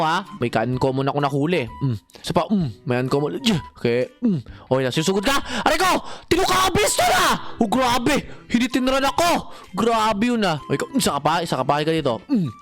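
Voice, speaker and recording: A young man giving excited gameplay commentary, talking to viewers and his in-game pet with frequent shouts. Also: on the high side. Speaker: gaming channel host.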